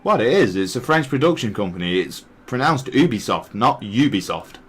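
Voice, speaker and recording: A young British podcast host chats casually, reading slowly from the live chat and often restarting his rambling sentences. His mid-range voice is a bit bright with a breathy edge and big pitch swings.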